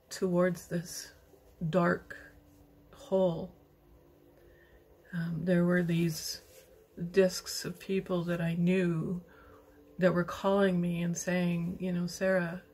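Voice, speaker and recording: A middle-aged woman from western Canada telling her personal story in a slow, halting, emotional way, with many pauses and restarts. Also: fairly low pitch, darkish tone. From British Columbia, Canada. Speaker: interviewee. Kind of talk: personal testimony.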